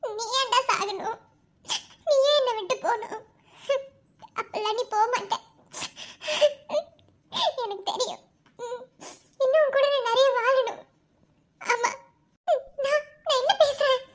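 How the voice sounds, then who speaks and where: A tearful, clingy young cartoon wife. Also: female voice, very high-pitched, steady tone, slow, long pauses. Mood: tearful pleading. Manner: pleading, sobbing through her words. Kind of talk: animated cartoon voice acting.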